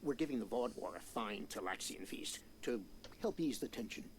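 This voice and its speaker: Male actor as a cheerful alien cook in a game, lively melodic delivery, light hiss. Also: mid-range voice, moderate pace, close to an everyday voice. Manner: bubbly, lively and eager to please.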